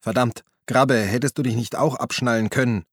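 A man voicing a brash male police officer in an audiobook, barking orders and shouting. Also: medium pitch, fairly even intonation, moderate pace, dry recording, natural voice. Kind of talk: audiobook character voice.

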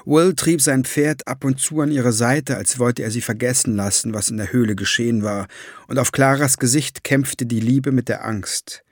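A man reading a fantasy novel aloud as audiobook narration, measured and steady. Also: mid-range voice, no echo, clean studio sound. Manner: measured storytelling.

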